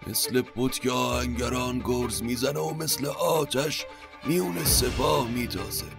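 A man voicing a captured old general who recounts his defeat in a high, strained, drawn-out lament. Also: fairly even intonation, creaky, over music, close to an everyday voice. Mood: aggrieved. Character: captured old male general, bound and humiliated. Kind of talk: storytelling from an epic.

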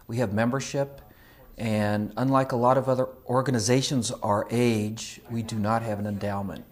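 A man of middling pitch speaks for a small museum in a documentary interview. He talks earnestly and steadily, laying out the facts plainly. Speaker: museum representative.

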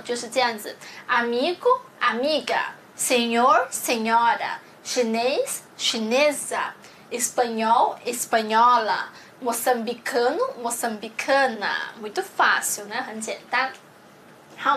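Going back over a language lesson, this woman who teaches Portuguese takes things slowly, one step at a time, frequently asking her class "对不对" to make sure they follow. Her voice sits high and sounds a bit bright, with slight background noise.

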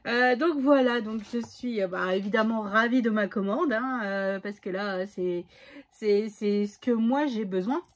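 A woman's voice: mid-range voice, unhurried. A woman with a son, chatting casually and hesitantly through a scrapbooking haul with many fillers. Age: adult, has a son. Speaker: scrapbooking vlogger.

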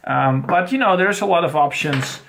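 His voice sits a little high and a bit bright, with vocal fry and a moderate pace, while a little hiss or hum runs underneath. The middle-aged host reviews pocket knives casually on his channel from a bookshelf-lined home study via desk webcam, rambling with many fillers and restarts.

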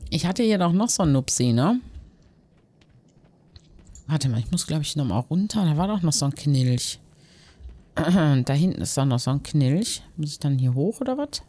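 A man giving casual, slangy gameplay commentary, thinking out loud as he goes. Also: on the high side, animated, normal speed, pauses often. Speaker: let's player. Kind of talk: casual gameplay commentary with quest text read aloud.

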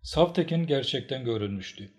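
A man reading a historical novel aloud in a steady, measured narration. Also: medium pitch. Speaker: audiobook reader.

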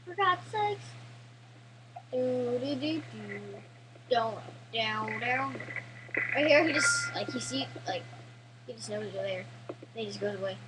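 A woman's voice: fairly high pitch, a little slow, background noise. A teenage girl giving casual, rambling, jokey gameplay commentary full of "like" and restarts.

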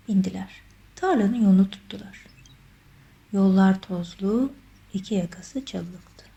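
A woman narrating a children's story in an expressive, measured storytelling voice. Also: medium pitch, rough recording.

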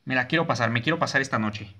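A jumpy young man narrates his horror game run, his bright, forceful voice jumping into yelps and curses. He keeps coaxing himself to calm down between scares. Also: medium pitch, quick pace. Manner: nervous, jumpy, swears and yelps. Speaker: gaming streamer.

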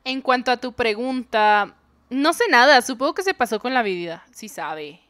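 A woman's voice: a little high, lively intonation, normal speed, a bit bright, dry recording, clean studio sound. A young woman, streaming a dating game, reading its dialogue aloud and joking with her chat. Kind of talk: live game commentary.

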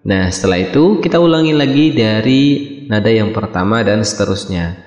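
A man with a fairly low voice calmly talks students through a lesson, step by step. His voice carries a roomy echo and a long reverb tail. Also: normal speed. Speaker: channel host and recitation teacher. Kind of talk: friendly spoken instruction. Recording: echoey room with long reverb.

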